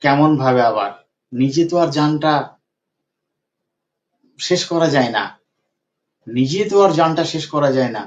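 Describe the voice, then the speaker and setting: A man's voice: on the high side, lively intonation, unhurried, pauses often. A man voicing a weary middle-aged patient who repeats their complaints in a pleading, tired tone. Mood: despairing. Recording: dull lo-fi recording.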